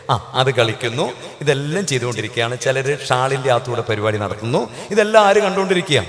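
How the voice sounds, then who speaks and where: A man preaching a sermon to a congregation, asking questions and having them repeat lines. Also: medium pitch. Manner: call-and-response, questioning the crowd. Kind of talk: Malayalam church sermon to a congregation. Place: large church hall. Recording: echoey hall, long reverb.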